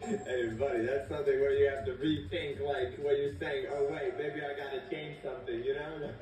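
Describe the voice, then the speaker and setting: A man's voice: mid-range voice, flat delivery, normal speed, darkish tone, recorded from a distance. A young man reacting in casual, jokey commentary, exclamatory and mock-scared. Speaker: reaction video host. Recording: noisy, very echoey TV playback from afar.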